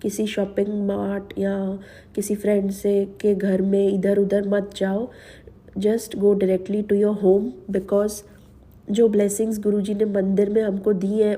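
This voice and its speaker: Woman host, devotional testimony, slow and earnest, dark husky voice, slight sore throat. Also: mid-range voice. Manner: slow, earnest, mixes English words into Hindi. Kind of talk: personal testimony to a spiritual audience.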